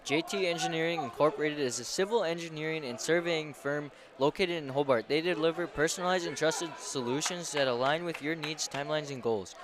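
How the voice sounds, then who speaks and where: A man's voice: on the high side, brisk, few pauses, crowd noise. A man reading a sponsor advertisement aloud, stumbling over a few words. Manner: reads with stumbles. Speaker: sponsor reader. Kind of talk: read sponsor ad. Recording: clear background noise.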